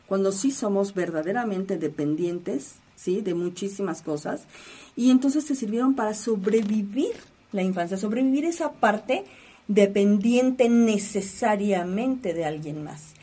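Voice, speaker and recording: A woman's voice: mid-range voice, mellow. A woman talking about emotions in a reflective conversation, asking guiding questions like a teacher.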